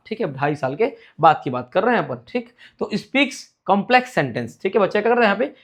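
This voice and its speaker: Fast, high-voiced male teacher. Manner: asks a question, then answers it himself, with much repetition. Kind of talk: exam-prep lecture.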